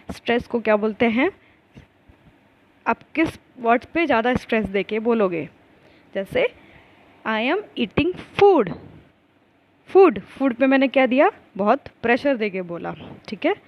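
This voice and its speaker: Slow-explaining woman teacher, higher voice. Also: dull audio. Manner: explains with repeated rhetorical questions; reads English definitions slowly, word by word. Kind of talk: recorded lecture.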